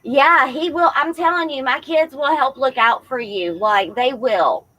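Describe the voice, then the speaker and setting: A woman in her forties, a tarot reader hosting a casual livestream, chatting warmly with viewers and calling them y'all. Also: sits high, measured pace, rough recording. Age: 40s.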